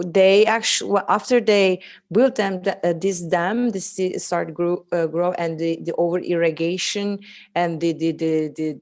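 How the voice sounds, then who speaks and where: A woman's voice: on the low side, a little mellow. A woman in her thirties from Turkey, an English speaker, presenting her art project with many fillers and restarts. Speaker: artist and photographer guest. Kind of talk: presentation talk.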